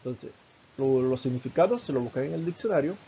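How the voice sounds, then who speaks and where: A man with a Venezuelan Spanish accent teaching an English lesson, slowly modeling each phrase with a husky voice. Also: mid-range voice, animated, warm tone, muffled recording, a little hiss or hum. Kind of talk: recorded online lesson.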